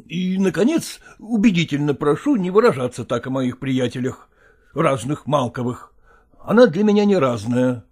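A man's voice: fairly high pitch, very animated, moderate pace, darkish tone. A man voicing an irritable, harassed middle-aged husband and father, talking in an exasperated, firm and pleading way.

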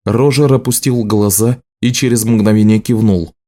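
A male narrator reading an audiobook in a measured, even manner. His voice is low and mellow, with a dark, warm tone.

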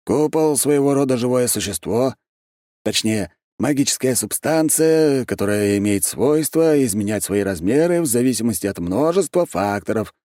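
A grumpy old archmage, voiced by a male reader sneers and scoffs at every question. The voice is pushed far higher than the narrator's own low tone and swings widely in pitch. The audiobook recording is dry and close. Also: expressive, moderate pace, dark tone, no echo, natural voice. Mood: haughty, irritable. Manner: haughty, dismissive, panicky when caught out.

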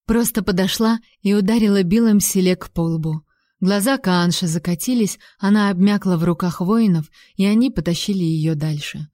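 A woman narrating a fantasy novel aloud in a measured, even storytelling voice. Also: medium pitch, no echo, studio quality. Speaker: audiobook narrator.

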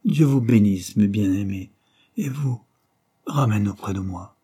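A man voicing a devout dying father in an audiobook, weak and breathless, speaking in halting, solemn phrases that sometimes drop to a whisper. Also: on the low side, dark tone, husky. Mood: tender.

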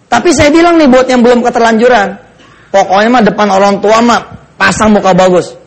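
A man with a high, bright-toned voice delivers a mosque sermon. He is animated and slips into different voices to act out the family members he quotes. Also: brisk. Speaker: preacher.

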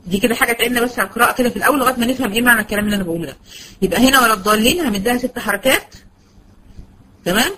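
A woman with an Egyptian Arabic accent teaching Quran recitation, patient and slowing right down to spell out sounds. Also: a little high, pushed and bright, a little hiss or hum, poor audio. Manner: patient, slows to a crawl when demonstrating words. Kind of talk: online Quran lesson.

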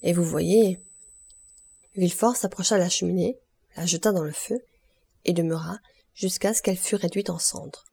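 A woman narrating a classic novel as an audiobook in a measured, expressive reading. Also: on the low side, vocal fry, breathy edge. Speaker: audiobook reader.

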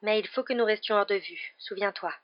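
An anxious, clever schoolgirl, as a woman reader puts her on, urgent and a little higher than the narration. The recording is dull and muffled. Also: brisk, close to an everyday voice. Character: anxious, clever teenage girl.

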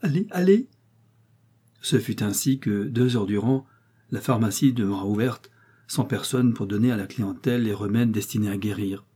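Husky-voiced male audiobook narrator. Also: fairly low pitch, fairly even intonation, moderate pace, dark tone. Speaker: audiobook reader. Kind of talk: scripted narration.

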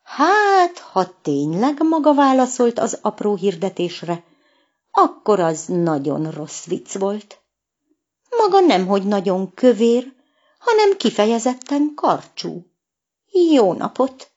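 A woman's voice: medium pitch, very animated, a little mellow, dull audio, voice pushed up. A woman voicing a prim, offended young female cat in a storybook. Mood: indignant. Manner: indignant, curt.

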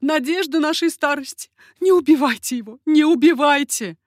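Shrill, frantic old mother, voiced by a woman narrator, high and loud, dry close sound. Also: normal speed, no echo, close to an everyday voice. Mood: anguished. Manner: shrill desperate pleading. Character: old mother wailing for her son.

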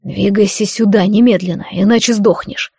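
Audiobook role: woman voicing a hardened male prisoner, slow, rough and blunt, in a dry close recording. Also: high voice, steady tone, mellow, dry recording, exaggerated voice. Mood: grim. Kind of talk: audiobook character voice.

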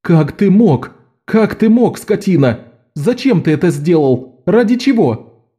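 A man's voice: mid-range voice, animated, normal speed, warm tone, close to an everyday voice. A man voicing a blunt protective thief. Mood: anguished. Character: adult male thief, blunt protective friend.

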